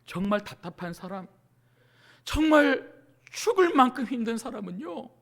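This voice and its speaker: A middle-aged man, a pastor, preaching a sermon to his congregation, asking rhetorical questions and dropping from loud cries to near-whispers. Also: very high voice, big pitch swings, normal speed, creaky. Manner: acts out desperate pleas in quoted prayers.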